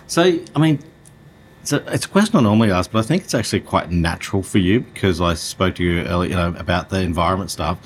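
A man's voice: low-pitched, fast, a little hiss or hum. A man with an Australian accent hosting a casual podcast interview in an informal, rambling way. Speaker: podcast host.

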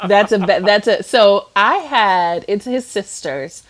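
Woman, podcast host, casual chat, animated storytelling, laughs often. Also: mid-range voice, takes it slowly.

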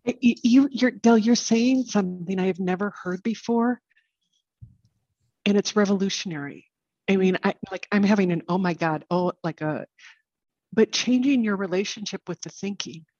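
A woman hosting an interview, enthusiastic and halting, often restarting her sentences. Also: medium pitch, darkish tone, slightly rough, dry recording, lo-fi sound. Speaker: interview host. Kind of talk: conversational interview.

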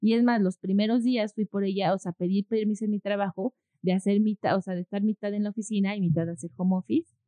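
A woman's voice: mid-range voice, quick pace, no room sound. A woman, a mother telling a story in casual conversation, acting out what people said. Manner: animated storyteller, acts out quotes. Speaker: co-host, mother. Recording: dry, phone-like audio.

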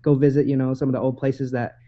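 A young man joins a podcast over a remote call and talks in an eager, friendly way, often restarting his words. His voice sits at an ordinary middle pitch. The call audio sounds dull and muffled. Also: flat delivery, fast. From Hawaii and Idaho. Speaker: guest musician. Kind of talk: casual interview chat.

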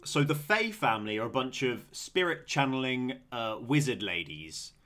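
A man co-hosts a casual podcast, talking in a rambling, chatty way with lots of fillers. His voice sits at an everyday middle pitch and a natural talking pace. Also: expressive, moderate pace, fairly bright tone. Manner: rambling, chatty, laughs often, many fillers. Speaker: podcast co-host.

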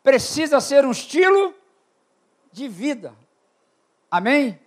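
Preaching at a church retreat, an older man questions the congregation and asks for amens in a sing-song voice. He takes his time, swinging from shouted high points down to soft, low asides.

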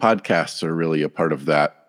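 A man's voice: rumbling low, fairly quick. A man as a podcast guest, explaining in a thoughtful, hesitant way with many fillers. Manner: thoughtful, hesitant with many ums and you-knows. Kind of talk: casual interview talk. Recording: long room reverb.

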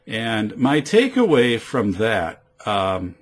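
A man hosting a podcast in a casual, rambling monologue, with halting delivery, on a studio microphone. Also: fairly low pitch, huge pitch swings, breathy edge. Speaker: podcast host.

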